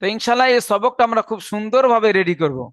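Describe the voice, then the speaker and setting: A man's voice: sits high, quick pace, a bit bright, no room sound. Patient man teaching letter sounds. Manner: patient, repeats each point and letter twice. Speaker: Quran reading teacher. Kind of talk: online class instruction.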